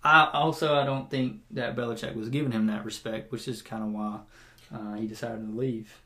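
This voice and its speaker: A man's voice: medium pitch, steady tone, normal speed, pushed and bright. A man in his twenties co-hosting a casual sports podcast, rambling and often restarting his sentences. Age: 20s. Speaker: podcast co-host.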